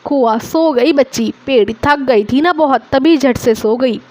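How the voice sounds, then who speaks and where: A woman's voice: high-pitched, measured pace, warm tone, no room sound. A woman teacher reading a school play aloud and voicing every part in her own voice. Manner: reads all the parts in her own voice.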